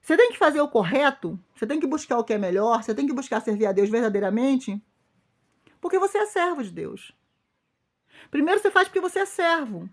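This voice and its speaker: A woman's voice: high-pitched, sing-song, a little fast. Emphatic Brazilian woman pastor preaching. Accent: Brazilian Portuguese. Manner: emphatic, repeats phrases, addresses listeners directly. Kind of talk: informal preaching sermon.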